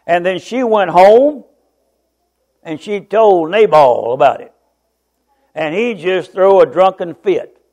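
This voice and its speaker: A man's voice: sits high, lively intonation, slow, long pauses, dark tone, lo-fi sound. A man with an Appalachian accent preaching in a folksy, plain-spoken way, stretching out his key declarations for emphasis. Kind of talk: sermon.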